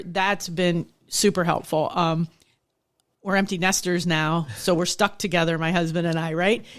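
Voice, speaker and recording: Middle-aged woman guest, gravelly, reflective storyteller. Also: fairly low pitch. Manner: reflective, candid storytelling with frequent restarts. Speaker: nonprofit executive director, podcast guest. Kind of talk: conversational interview.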